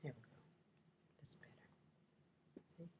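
A woman's voice: unhurried, a little mellow, in a whisper. A middle-aged woman in a small room at home, chatting into her webcam as she shows off things she bought, rambling and correcting herself as she goes. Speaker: vlogger. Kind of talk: casual shopping haul show-and-tell. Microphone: webcam at desk.

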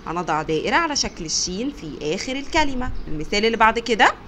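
An encouraging young woman with an Egyptian Arabic accent teaches small children their letters. Her voice sits fairly high and swings up and down a great deal as she drags each sound out slowly and loudly. A faint hiss runs under the recording. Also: sing-song. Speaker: kindergarten teacher.

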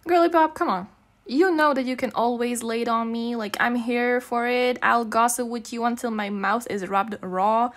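Keeping a steady tone and moderate pace, a young Eastern European ASMR performer plays someone's girlfriend with a voice on the high side. The roleplay is intimate and relaxed, mixing slang, teasing and affection.

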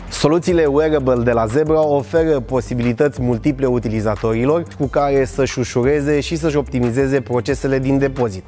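In his thirties, a man with a medium-pitched, somewhat dark voice presents a product in a large warehouse. His delivery is upbeat and scripted, and he demonstrates it while walking and working.

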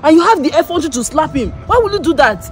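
A woman's voice: sits high, sing-song, fast. A woman playing a fed-up friend who pleads and presses questions. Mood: exasperated. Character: exasperated friend fed up with freeloader. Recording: music playing behind.

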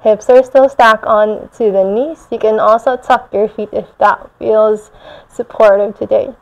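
A young woman teaching restorative yoga and guided meditation in a soothing, gentle manner. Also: mid-range voice, steady tone, unhurried, muffled recording. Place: large bare indoor room with concrete floor. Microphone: chest-worn mic.

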